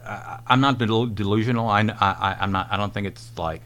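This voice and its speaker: Hesitant low-voiced podcast man. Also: pushed and bright, a little hiss or hum. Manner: hesitant, halting, frequent ums and swearing. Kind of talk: casual podcast chat.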